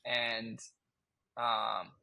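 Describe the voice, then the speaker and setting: A man's voice: mid-range voice, flat delivery, extremely slow, creaky, pushed and bright, no room sound. A man in his twenties, a podcast guest, telling a personal story in casual chat, candid and swearing freely as he restarts his sentences.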